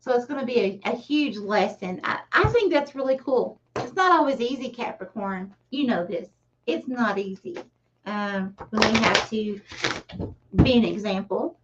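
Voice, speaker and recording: A middle-aged tarot reader gives a casual livestream reading in a high-ish voice with lively intonation at normal speed, chatty and often laughing at herself. The recording is very noisy, with a distant, slightly dull mic.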